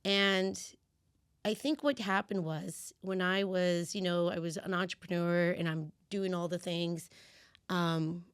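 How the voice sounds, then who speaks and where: A women's empowerment coach, raised in the United States by Cuban parents and a native Spanish speaker, tells her story as a guest in a casual interview. Her lowish voice moves a little slowly and smoothly, and she animatedly acts out her own past reactions. The studio sound is clean, with no echo.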